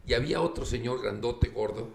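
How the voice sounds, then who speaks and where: Man, storyteller, gravelly voice, roomy echo, faint hiss. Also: medium pitch, a little fast. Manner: expressive storyteller, acts out voices. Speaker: host telling a story. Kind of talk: storytelling in a casual conversation. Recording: echoey room with faint noise.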